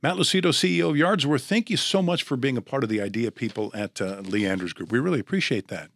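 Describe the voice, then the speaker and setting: A man's voice: mid-range voice, expressive, fast, no room sound. A man hosting a podcast, asking hesitant questions and then reading a scripted wrap-up. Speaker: podcast host. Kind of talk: podcast interview and scripted outro.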